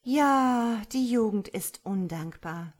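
A woman voicing a gentle, sensible mother starling who speaks with sympathy. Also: a little high, animated, slow pace, pitched above the performer's own voice. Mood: caring. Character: kind motherly female starling.

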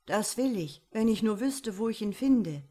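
A woman voicing a young simpleton hero who answers calmly and cheekily. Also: mid-range voice, normal speed, lightly acted. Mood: sly.

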